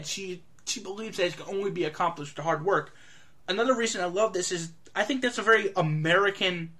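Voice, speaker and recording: Enthusiastic man doing a casual film review, rambling and filler-heavy, with a bright, fairly high voice. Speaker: movie reviewer.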